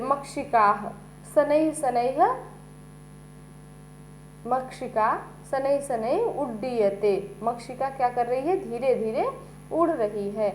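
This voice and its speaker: In a rough recording with faint mains hum, a woman teacher with a high voice slowly explains a lesson step by step. "ठीक है" comes up often as she proceeds.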